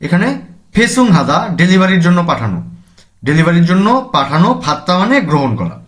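Male language teacher, slightly high voice, methodical, poses questions then answers them. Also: very animated, moderate pace. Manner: explanatory, asks and answers his own questions. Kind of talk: classroom lesson explaining grammar.

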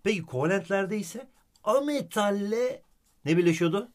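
A man's voice: high-pitched, normal speed. A man teaching chemistry in a playful way, teasing his student and heaping on praise. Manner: animated, teasing, keeps repeating praise and the student's name. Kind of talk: playful comedic lesson.

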